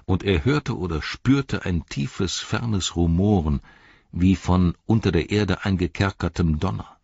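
A man narrating an audiobook in a calm, measured reading. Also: low-pitched, vocal fry, breathy edge, no room sound, muffled recording. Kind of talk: scripted narration.

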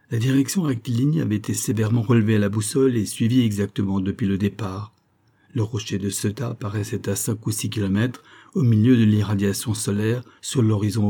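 Low husky male audiobook narrator. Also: dark tone. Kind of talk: scripted narration of a classic novel.

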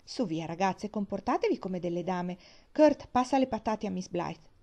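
A woman voicing a placid middle-aged farm aunt who speaks calmly and soothingly in a storybook reading. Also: medium pitch, moderate pace. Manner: calm, soothing.

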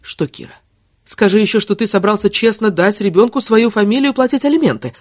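A woman's voice: mid-range voice, very animated, a little fast, breathy edge, no echo, studio quality, voice pushed up. A woman voicing a furious, sarcastic young woman who hurls insults in an audiobook. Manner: shouting insults, biting sarcasm.

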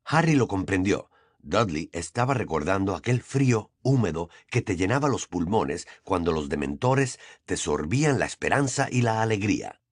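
A male narrator reading a novel aloud with lively, swooping intonation. His voice sits at a middle pitch and is recorded close and dry, with no room sound. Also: moderate pace, no room sound. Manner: expressive storytelling. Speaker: audiobook narrator. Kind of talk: scripted narration.

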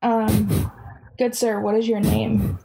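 A woman playing in a tabletop game, calm and polite. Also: mid-range voice, slow pace, vocal fry, low-quality recording. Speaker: player.

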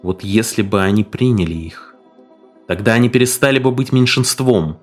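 A man narrating a story in an expressive, dramatic reading style. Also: lowish voice, moderate pace, soft background music. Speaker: audiobook narrator.

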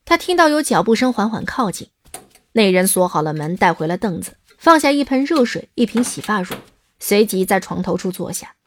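A woman's voice: mid-range voice, big pitch swings, a little fast, a little hiss or hum. A woman reading scripted narration as the narrator of a dramatised audiobook.

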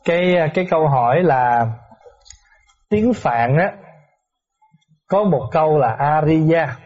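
Monk, middle-aged, patient teaching tone with rhetorical questions, pitch a touch high, dull recording. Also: male voice, animated, takes it slowly, a little mellow. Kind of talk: dharma talk answering questions.

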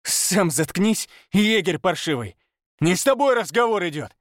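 A man's voice: sits high, very animated, moderate pace, no echo, clean studio sound, voice pushed up. A man voicing a hot-headed male gambler who shrieks and snarls through his teeth in an audiobook. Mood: menacing. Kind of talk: audiobook narration.

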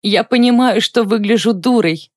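A woman's voice: medium pitch, normal speed, darkish tone, dry recording, clean studio sound, close to an everyday voice. A woman voicing a distressed, tearful woman near forty who speaks in a trembling voice. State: crying, trembling voice.

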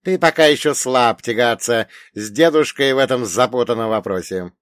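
A man's voice: medium pitch, normal speed, no room sound, clean studio sound, natural voice. A man voicing a learned old dead grandfather who lectures with a mocking, grumbling manner. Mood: lecturing.

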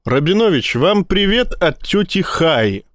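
An unruffled, gently mocking fleet admiral, as a man reading a story puts him on, speaking evenly and a touch higher than plain narration. The sound is dry and close. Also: measured pace, no room sound. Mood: calm. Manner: calm, lightly mocking. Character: calm, teasing male fleet admiral.

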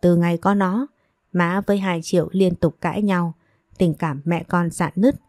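A woman's voice: lowish voice, fairly even intonation, normal speed, a little mellow, dry recording, clean studio sound, lightly acted. A woman voicing a bitter, domineering older mother who scolds and wails in self-pity. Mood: spiteful.

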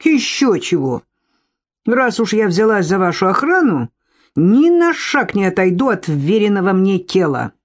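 A woman's voice: medium pitch, very animated, measured pace. A woman voicing a bold, cheeky, meddling woman who talks brashly and sarcastically.

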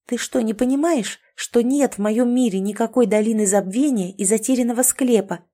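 A woman reading the lines of a feisty, sarcastic young woman in an audiobook, a touch higher than her own voice. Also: warm tone, natural voice. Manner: quick-tempered, mocking.

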